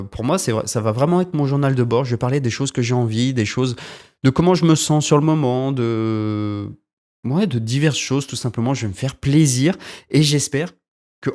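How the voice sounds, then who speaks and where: A man's voice: mid-range voice, darkish tone. Rambling young man hosting a podcast. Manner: rambling, self-correcting, frequent hesitations. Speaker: podcast host. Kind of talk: casual solo podcast monologue. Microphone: desk podcast mic.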